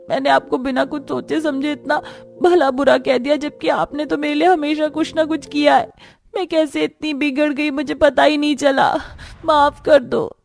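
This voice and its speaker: A woman's voice: fairly high pitch, natural voice. A woman voicing a proud young daughter who works as airline cabin crew in a cartoon story. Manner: sharp, scornful scolding.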